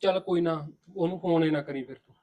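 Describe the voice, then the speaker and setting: Man acting as stern but kind old father-in-law, high voice for a man, reassuring, village family drama. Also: quick pace, dark tone, close to an everyday voice. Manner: reassuring, scolding his son.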